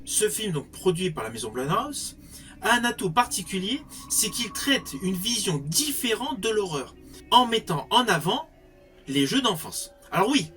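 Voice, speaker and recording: High-pitched man reviewing films. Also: fairly bright tone. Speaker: film reviewer. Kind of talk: spoken film review commentary.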